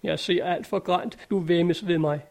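A man's voice: high voice, steady tone, vocal fry. A man doing a tormented, guilt-ridden man. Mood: despairing. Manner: dark, despairing.

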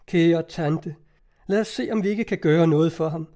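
A man's voice: a little high, dark tone, close to an everyday voice. A man reading aloud as a caring young niece in an audiobook.

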